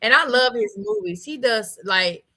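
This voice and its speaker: Lively, chatty woman host, slightly high voice. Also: moderate pace, low-quality recording. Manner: chatty, animated, laughs often. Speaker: talk show host. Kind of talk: casual chat.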